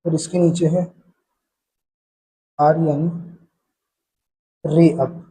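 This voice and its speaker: Guy teaching shorthand real slow, bit high voice, calls out sound pairs like a drill. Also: flat delivery, warm tone, breathy edge, poor audio. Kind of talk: slow step-by-step lesson.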